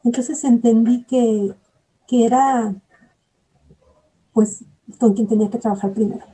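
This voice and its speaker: A woman's voice: on the high side, fairly even intonation, a little slow, warm tone, poor audio. A woman giving an earnest, reflective personal testimony, often repeating herself as she searches for words. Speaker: bereaved mother giving testimony.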